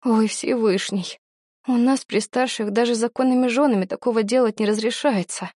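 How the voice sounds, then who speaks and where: A woman reads a novel aloud in the first person, lively and wry. Her voice is mellow and dark, recorded close and dry with no room around it. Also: fairly high pitch, moderate pace, no echo. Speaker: audiobook narrator. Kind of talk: first-person storybook narration.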